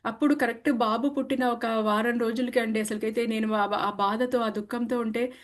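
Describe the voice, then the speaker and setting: A woman's voice: fairly high pitch, steady tone, a little fast. A woman telling the story of her own spiritual experience in a conversational way, earnest and full of restarts, slipping English words into her speech. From India. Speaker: meditation practitioner sharing her experience. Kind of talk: personal testimony, conversational.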